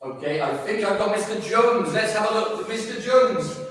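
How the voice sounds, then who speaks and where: A man's voice: high voice, lively intonation, normal speed, a bit bright. Cheerful man in an echoey hall. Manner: cheerful, chatty, talks while eating. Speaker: host judging a staff bake-off. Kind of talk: live-streamed commentary. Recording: echoey hall, far from the mic.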